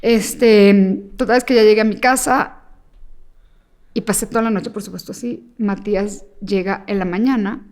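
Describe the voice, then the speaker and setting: A woman guest telling an emotional personal story, acting out the voices of the people in it and sometimes rushing through in fast bursts. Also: mid-range voice. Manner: animated, acts out quoted dialogue. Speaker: interview guest.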